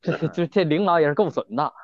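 A fairly high-pitched man, very animated as he trades teasing, colloquial banter. The sound is dry and slightly lo-fi. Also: quick pace, no echo. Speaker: podcast co-host. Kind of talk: casual comic banter. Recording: dull, lo-fi, dry close sound.

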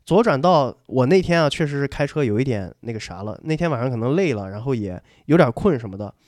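A man's voice: mid-range voice, quick pace, no room sound, studio quality. A young man, a podcast co-host, tells a story in casual chat, acting out the voices in it and often repeating himself. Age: young adult. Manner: lively anecdote telling, acting out dialogue, repeats words.

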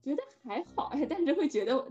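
A woman's voice: sits high, big pitch swings, quick pace, mellow. A young adult woman in casual conversation. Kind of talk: casual chat. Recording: dull lo-fi sound, music behind. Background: music.

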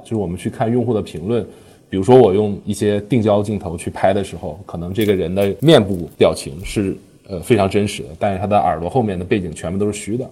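A man with a low, dark voice and a husky edge speaks at a brisk clip. He is a guest on a podcast panel, explaining his platform's work on short dramas. His talk is full of fillers and quick self-corrections.

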